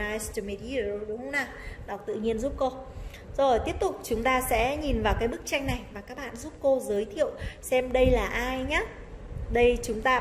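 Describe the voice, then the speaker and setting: Echoey woman teaching English words. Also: fairly high pitch. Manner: explains in Vietnamese, models English words slowly. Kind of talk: online English lesson for children. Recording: echoey room with long reverb, faint noise.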